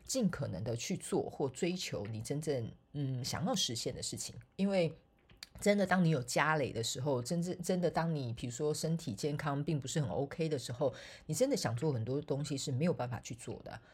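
Husky, playful Taiwanese woman. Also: low-pitched, animated, a little fast. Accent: Taiwanese Mandarin. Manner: playful and self-mocking, with frequent laughs and filler particles. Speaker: spiritual coach and online course instructor. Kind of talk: casual monologue vlog.

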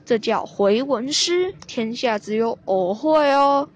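A woman voicing a proud, boastful young male scholar in a children's storybook reading, slow and high. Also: animated. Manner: boastful, showing off.

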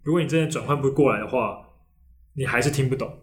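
A podcast host with a Taiwanese Mandarin accent and a medium-pitched voice talks fast in a casual chat. He's a hesitant storyteller, restarting often and using lots of fillers.

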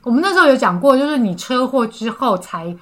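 A woman's voice: high voice, very animated, a little fast, a bit bright. A woman hosting a casual podcast chat, teasing her guest and laughing often.

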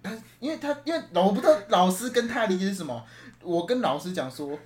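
A man's voice: sits high, very animated, fast, darkish tone. A young man telling a rambling school story in casual chat, restarting often and laughing as he talks.

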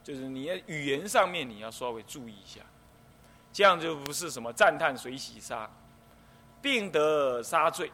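With a slightly high voice at normal speed, a middle-aged abbot from Taiwan teaches the precepts step by step. He livens the explanation by acting out what people might say, over faint background noise.

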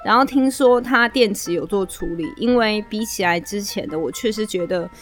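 A woman's voice: medium pitch, normal speed, faint music behind. A woman with a Taiwanese accent co-hosting a casual podcast conversation. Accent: Taiwanese Mandarin. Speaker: podcast co-host. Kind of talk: casual chat.

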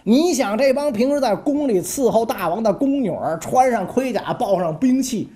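Brief: woman storyteller, dark mellow voice, very lively, jokey asides. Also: on the high side, normal speed. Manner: jokey, chatty asides to listeners. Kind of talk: colloquial history storytelling.

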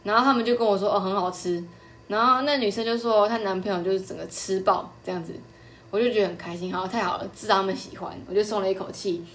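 A woman's voice: medium pitch, steady tone, quick pace, fairly bright tone. A young woman from Taiwan, hosting a podcast and chatting casually, telling a story and acting out the customers' lines. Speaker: podcast host.

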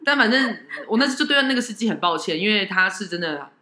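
Fast, animated woman in casual chat. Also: mid-range voice, echoey room. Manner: animated, self-deprecating, laughs often. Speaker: show host telling personal anecdotes.

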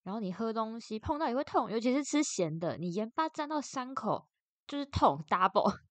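A young adult woman with a Taiwanese accent hosts a casual solo chat, expressive and self-deprecating, her articulation slightly slurred from wearing braces. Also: fairly high pitch, fairly quick, no room sound. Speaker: podcast host.

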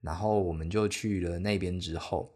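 Low-voiced young Taiwanese podcaster rambling. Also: male voice, steady tone, normal speed, darkish tone. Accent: Taiwanese Mandarin. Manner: rambling, self-deprecating, chatty. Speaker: podcast host. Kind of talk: casual solo podcast storytelling.

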